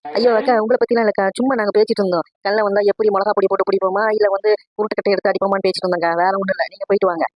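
A cheeky village neighbor woman from a cartoon, done by the show's voice actor. She chatters quickly and teases, in a dry close recording. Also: medium pitch, fairly even intonation, dry recording, muffled recording, natural voice. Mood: teasing. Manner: teasing, gossipy.

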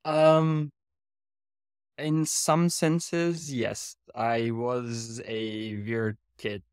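A man in his thirties from Iran, raised in Canada and a native Persian speaker, joins a relaxed video-call interview as a guest researcher from his home office. He speaks hesitantly, searching for words with many fillers, in a steady, smooth, mid-range voice, with no echo and studio-quality sound.

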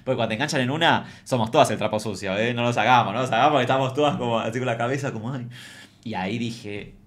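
A man's voice: mid-range voice, fast, fairly bright tone. A man in his forties with an Argentine Rioplatense accent, telling comic anecdotes in a camp, theatrical way with dramatic asides. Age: 40s. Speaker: comedic storyteller in a persona.

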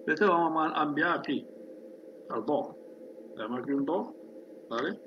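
Narrating a screen tutorial, a male instructor demonstrates a factory simulation, explaining things to viewers and often tossing in "¿vale?". His voice is fairly high and animated, at a measured pace. The lo-fi audio is dull with a faint hiss.

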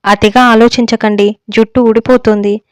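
A shy young bride with a teasing, coaxing way of asking for things. A woman plays her in a storybook reading, her voice a bit high and very clear. It is recorded close with no room around it. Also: level tone, normal speed, dry recording, lightly acted. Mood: coy. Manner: coy, gently coaxing.

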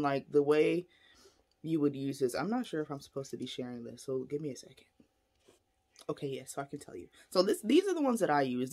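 A woman's voice: deep voice, gravelly, darkish tone. A woman casually explaining divination tools to camera in a chatty, rambling way, showing objects as she talks. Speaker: spiritual teacher. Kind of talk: casual teaching vlog.

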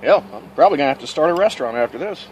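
A man's voice: fairly high pitch, racing, muffled recording, a little hiss or hum. Folksy Southern man grilling outdoors. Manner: folksy, relaxed, self-amused. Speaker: cooking channel host. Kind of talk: casual cooking vlog narration. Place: backyard outdoors, then indoors at home. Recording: insects and crickets behind.

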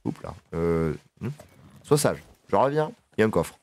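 A man giving casual gameplay commentary, excitable and swearing, chatting to his horse as he plays. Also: low voice, normal speed. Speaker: gaming video creator.

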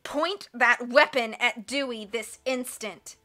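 This audiobook clip has a woman voicing a snarling, greedy villain, a blustering middle-aged man who growls, sneers, and roars at everyone. She speaks slowly, at a fairly high pitch with a sharp tone.

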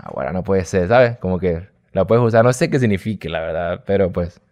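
A low-pitched, brisk voice belongs to a young Venezuelan man with a light accent, rambling casually as a guest youtuber in an interview. He keeps it relaxed and drops slang as he goes.

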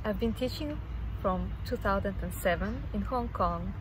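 A woman's voice: medium pitch, normal speed, background noise. A woman in her thirties from Kazakhstan, answering interview questions about dance outdoors, thoughtful and searching for her words. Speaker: dance teacher. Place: outdoors in a park.

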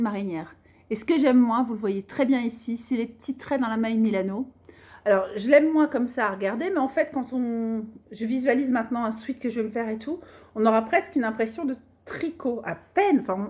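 A middle-aged woman with a slightly high voice talks through a sewing vlog as a casual fabric haul. She is chatty, colloquial and quick to mock herself, filling pauses with little hesitations. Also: darkish tone. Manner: chatty, colloquial and self-mocking, with many fillers. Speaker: sewing vlogger.

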